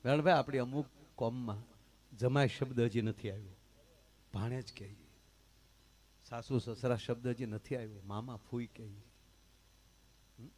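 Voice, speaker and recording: A man's voice: mid-range voice, steady tone, unhurried, pauses often, darkish tone. A man with a Kathiyawadi Gujarati accent, telling folk stories and jokes on a live stage, chatting with and addressing the audience directly. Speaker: folk storyteller and comedian.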